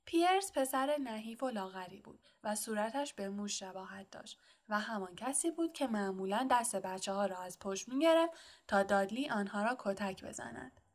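A woman narrating an audiobook in a steady, measured reading style. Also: mid-range voice. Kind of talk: scripted storybook narration.

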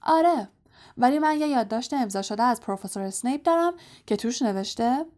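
Lady doing a smug loud teen bully captain, high and taunting. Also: animated, natural voice. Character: sneering teen boy rival captain.

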